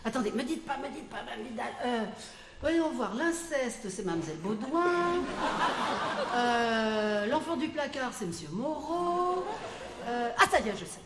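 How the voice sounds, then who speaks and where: Woman, French accent, stage comedy monologue, gossipy café owner, animated, echoey live theatre. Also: on the high side, unhurried, heavy background noise. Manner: gossipy, bossy, talks to unseen customers in turn. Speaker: comedian performing a one-woman stage show.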